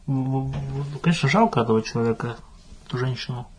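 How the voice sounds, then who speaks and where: A man's voice: mid-range voice, fairly quick, background noise. A man, a priest, answering a listener's letter in a thoughtful, hesitant way with frequent restarts.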